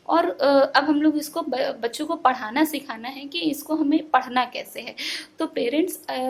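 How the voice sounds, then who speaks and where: Gravelly high-voiced woman teacher. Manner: slow drawn-out syllable sounding; explaining patiently to parents and children. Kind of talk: online phonics lesson.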